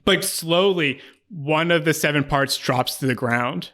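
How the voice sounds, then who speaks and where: A man improvising narration as a tabletop game master, casual and descriptive, halting as he searches for words. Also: on the high side, sharp tone.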